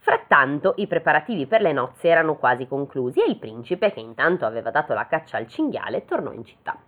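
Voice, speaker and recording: In a casual read-aloud, a very animated woman with a low-sitting voice works through a fairy tale slowly before drifting into chatty, joking remarks. The audio has a tinny, phone-like quality.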